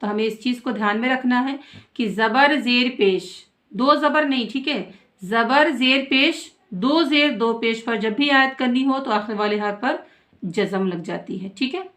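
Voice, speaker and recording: A woman teaching a Quran recitation lesson, reciting words slowly and drawn out, then explaining rules briskly and answering her own questions. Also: fairly high pitch, a bit bright.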